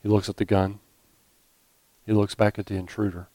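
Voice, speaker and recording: A man's voice: lowish voice, flat delivery, moderate pace, warm tone, no echo. A man preaching a sermon as a pastor, talking conversationally with frequent fillers and self-corrections.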